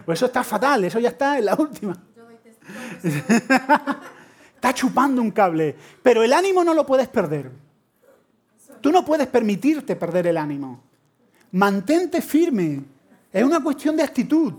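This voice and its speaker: A middle-aged man with a Spanish accent from Spain, preaching a sermon in an animated, humorous storytelling way. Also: very high voice, normal speed.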